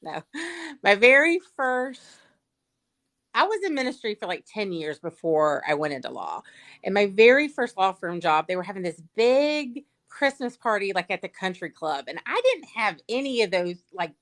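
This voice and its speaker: Animated Southern woman telling a story. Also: medium pitch, normal speed. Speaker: paralegal and sweepstakes guest. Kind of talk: casual storytelling chat. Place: livestream video call.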